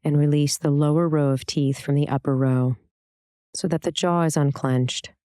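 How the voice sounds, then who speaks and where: With a medium-pitched voice that is smooth, clear, dark and relaxed, a meditation teacher reads a scripted guided meditation. The delivery is soft and calming, with lengthy pauses between phrases. The recording is dry, with no room sound at all.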